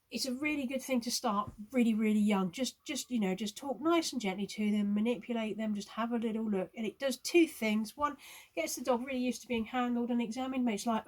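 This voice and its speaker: A woman recording a casual video message of puppy advice, reassuring and rambling with many hesitations. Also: medium pitch. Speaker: puppy owner giving advice.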